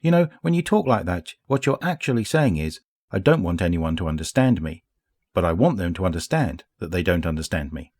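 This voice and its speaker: A sly, probing woman companion in a storybook reading, put on by a male narrator. She asks playful, direct questions with a lifted tone over a naturally low voice. The sound is dry and close. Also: sing-song, fairly quick, a little mellow, dry recording. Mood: teasing.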